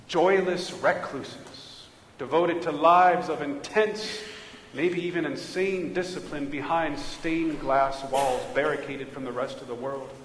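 A man's voice: a little high, fairly bright tone, a little hiss or hum. A male pastor preaching a sermon with rhythmic emphasis and rhetorical questions. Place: church sanctuary. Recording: echoey church from a distance.

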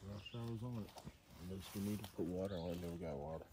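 Very deep-voiced man on a phone video outdoors. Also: quick pace. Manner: plain, matter-of-fact, lists plants. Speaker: husband giving the garden tour. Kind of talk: casual chat. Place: outdoors in a rural garden. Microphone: phone camera held by another person. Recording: outdoor phone audio with background noise.

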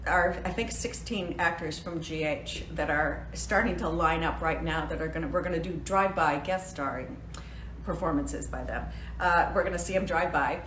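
A woman's voice: on the low side, a bit bright, slight background noise. Chatty woman in her sixties on a phone livestream. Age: 60s. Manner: chatty, self-deprecating, joking. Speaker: actress hosting a birthday fundraiser livestream. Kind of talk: casual livestream chat. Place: living room at home. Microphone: phone at arm's length. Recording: roomy home phone recording.

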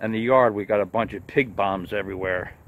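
A man's voice: on the low side, brisk, narrow, tinny audio. A man vlogging about his homestead chores in a casual, rambling, plainspoken way. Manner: laid-back, plainspoken, mild cursing.

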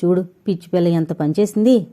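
A caring, practical young woman, read by a woman narrator, speaking gently in a mellow, relaxed voice. She is a character in a storybook audio novel. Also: fairly low pitch, fairly quick, natural voice. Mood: concerned. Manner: gentle, urgent when needed.

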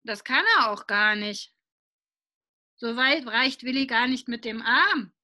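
A woman reading a picture book aloud to children, lively and asking them questions along the way. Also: fairly high pitch, a little slow.

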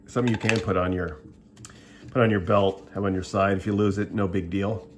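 A middle-aged man reviews a product at an indoor table, filming the tabletop as he gives a casual, rambling show-and-tell. His voice is low and steady, his pace brisk, and he's plainspoken, often restarting sentences, with background noise present.

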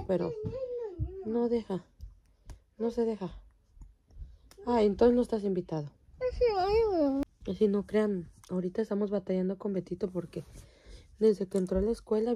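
A woman's voice: mid-range voice, dark tone, slight background noise. A young woman, chatting casually to her phone camera at home as a mother and vlogger, teasing and swearing now and then. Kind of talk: casual home vlog chat. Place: home bedroom.

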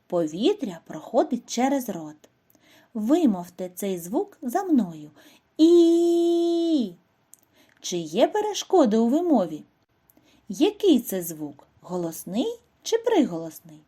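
A woman giving a scripted reading and spelling lesson to first graders, speaking slowly and clearly and asking the children questions. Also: medium pitch, big pitch swings, warm tone. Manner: slow, clear, instructive delivery with questions to children. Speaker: primary school teacher.

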